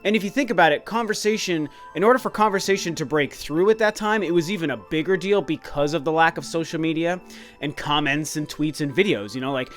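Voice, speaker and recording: His voice is a little high, a bit bright and slightly fast, set against faint background music. The man, in his late thirties, hosts a video game channel and speaks in a loose, eager vlog style, restarting sentences and using fillers as he rambles.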